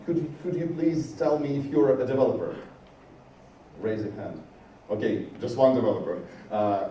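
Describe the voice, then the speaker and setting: Speaking away from the mic in a roomy conference hall, a Georgia man delivers an earnest talk from the stage. His mid-range voice has a warm tone; he frequently restarts phrases and lifts his voice for emphasis, with faint noise present.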